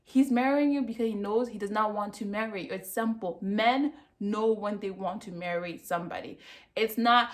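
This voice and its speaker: A vlogger from Cameroon speaks directly to her viewers in a casual review, her voice mid-range for a woman and her pace moderate. She presses each point emphatically and repeats herself for weight.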